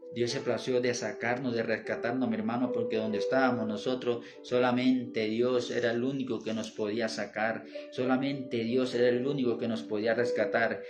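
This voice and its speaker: Fervent preacher man over music. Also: mid-range voice. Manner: fervent, repeats "mi hermano", quotes scripture. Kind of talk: sermon. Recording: music playing behind.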